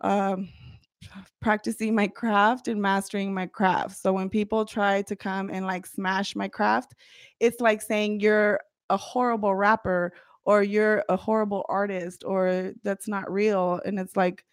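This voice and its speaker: A woman's voice: medium pitch, flat delivery, unhurried, smooth, no room sound, clean studio sound. A middle-aged woman guesting on a casual podcast, blunt and profane, laughing often. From United States, parents from Guatemala. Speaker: podcast guest, practicing witch.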